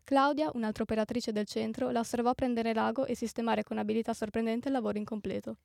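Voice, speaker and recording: A woman narrates a story at a quick clip. Her voice is fairly high, and the recording is dry with no room sound. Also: fairly even intonation, creaky, a little mellow, no echo.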